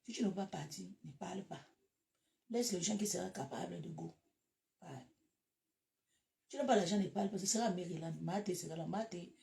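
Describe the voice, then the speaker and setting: A woman with a Cameroonian French accent talks casually to her followers in a gravelly voice. She is animated and breaks into loud bursts. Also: fairly low pitch, a little fast, long pauses. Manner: animated, laughs loudly, shifts to loud bursts. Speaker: social media live host. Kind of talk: casual live chat to followers.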